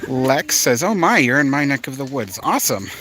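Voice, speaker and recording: Outdoors in a park, a Southern Californian man with a matching accent runs a casual live stream, reading viewer comments aloud and answering them. His medium-pitched, fairly bright voice swings widely in pitch at a normal pace. He's easygoing and chatty, full of fillers and restarts.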